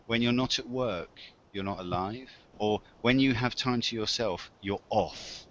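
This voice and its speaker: A man's voice: lowish voice, unhurried, a bit bright. A man talking in a reflective, musing way in a casual group discussion. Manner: reflective, musing, puts on voices when telling stories. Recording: dull lo-fi recording with faint hiss.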